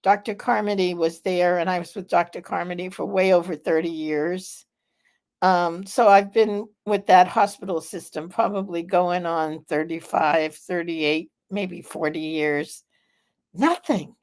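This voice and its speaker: Slow-talking woman in her seventies. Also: fairly low pitch, darkish tone. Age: 70s. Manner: slow, chatty storytelling with frequent fillers and laughs. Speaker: vlog host. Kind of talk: casual live vlog chat.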